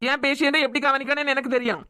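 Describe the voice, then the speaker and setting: A woman with a Kanyakumari Tamil accent voicing a teasing, devoted young male doctor in a cartoon, scolding in quick banter. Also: sits high, fairly even intonation, sharp tone, no room sound, studio quality. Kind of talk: cartoon voice acting.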